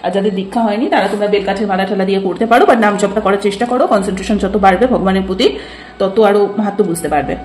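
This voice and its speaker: Fast-talking woman teaching chanting, echoey room. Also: medium pitch, a little hiss or hum. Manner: chatty and explanatory, mixes English words, often asks "ঠিক আছে?"; chants the mantra softly and quickly. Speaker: spiritual teacher, channel host. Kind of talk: casual instructional talk on chanting. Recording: echoey room with faint ambience.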